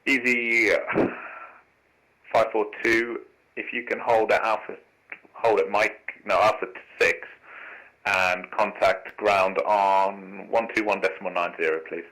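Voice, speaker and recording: A man's voice: lowish voice, steady tone, measured pace, sharp tone, low-quality recording. A man working as an air traffic controller, giving courteous standard instructions over aviation radio.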